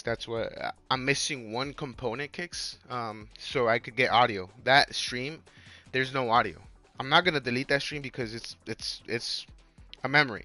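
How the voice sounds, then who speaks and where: A man in his twenties chatting casually on a livestream with a hoarse, worn-out voice, rambling in slang and repeating his phrases. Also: medium pitch, bright, forceful tone. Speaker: live game streamer.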